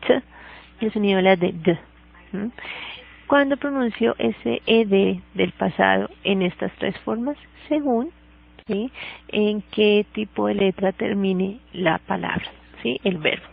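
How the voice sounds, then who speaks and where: A woman with a Colombian accent gives a grammar lesson, going over each rule twice and checking in with her students after almost every step. Her voice carries a heavy gravelly fry. The sound is thin and tinny, like a phone line. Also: medium pitch. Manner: repeats each rule in two languages, checks with "¿ya?" and "¿sí?". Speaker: English teacher.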